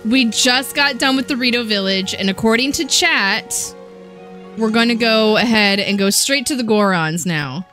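A woman's voice: fairly high pitch, normal speed, pushed and bright, soft background music. A young woman casually chatting and giggling while streaming a video game, sometimes reading in-game dialogue aloud.

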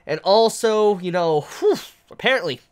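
Sitting indoors in a living room with a couch, a flu-congested man in his twenties rambles through a manga chapter review to camera, stumbling over invented words. He speaks at a moderate pace in a high, smooth voice with lively intonation.

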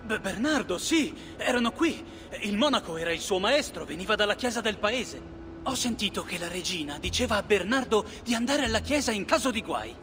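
A man's voice: high-pitched, animated, brisk. A man playing a hesitant but helpful tavern keeper in a video game dub. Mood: helpful, uncertain. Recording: faint ambient noise behind.

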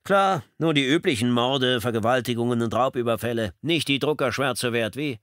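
A man's voice: medium pitch, normal speed, fairly bright tone, no echo, clean studio sound, voice pushed up, close to an everyday voice. Style: audiobook character voice. Sex: man. Figure: weary, wry homicide detective voiced by a male narrator. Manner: tired, wry.

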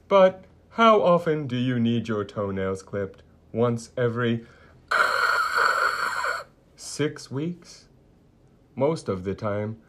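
A voice actor playing a polite, lonely stowaway robot in a cartoon, talking in a stiff, formal robot voice. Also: mid-range voice. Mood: wistful. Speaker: robot character. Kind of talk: cartoon voice acting.

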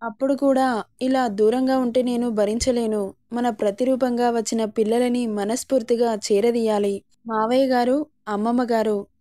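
A woman's voice: fairly high pitch, fairly even intonation, normal speed, lightly acted. A woman voicing a sweet young bride. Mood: coaxing. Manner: soft and coaxing, sometimes tearful.

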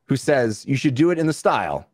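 A man's voice: medium pitch, big pitch swings, a little fast, darkish tone, no room sound, clean studio sound. A man in his forties casually hosting a tabletop game as game master. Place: indoors, on a group video call.

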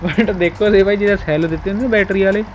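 A man's voice: sits high, steady tone, fast talker, slight background noise. A young man gives casual, bantering gameplay commentary, exclaiming and repeating short phrases. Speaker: gaming video creator. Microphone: voice-over recorded over gameplay. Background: music.

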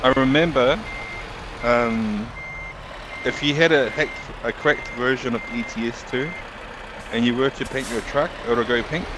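A man's voice: mid-range voice, a little slow, background noise. A man of thirty chatting casually in game voice chat, patiently explaining things step by step. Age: 30s. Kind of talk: casual voice chat while gaming.

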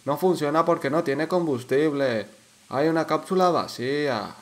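A man with a Canary Islands Spanish accent giving casual, excitable commentary while playing a horror game, swearing and shouting at the enemies. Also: on the high side, normal speed. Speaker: let's play gamer.

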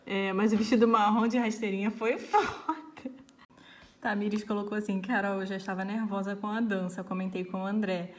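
A woman's voice: medium pitch, moderate pace. A young woman, a bride chatting casually for her vlog and laughing often. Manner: giggly, laughs often, animated. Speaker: bride and vlogger.

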